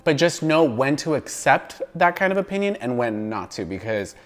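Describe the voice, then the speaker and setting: An American man who works as a makeup artist and content creator, chatting as a podcast guest in an animated, giggly way. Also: mid-range voice, normal speed. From United States. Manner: animated and giggly, slips into playful mimicking voices. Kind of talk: casual chat.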